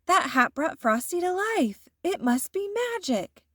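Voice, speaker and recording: A woman's voice: very high voice, big pitch swings, measured pace, a bit bright, no echo, clean studio sound, voice pushed up, exaggerated voice. A woman voicing an earnest, kind-hearted little girl in a children's storybook, speaking emphatically. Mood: amazed.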